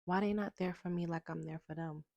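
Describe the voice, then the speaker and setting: A woman's voice: on the low side, steady tone, fairly quick, gravelly, warm tone, no echo, dull audio. A woman in a personal vlog about healing and boundaries, talking emphatically, swearing freely and repeating her points with rising heat. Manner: emphatic, swears freely, builds to heated repetition. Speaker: vlogger.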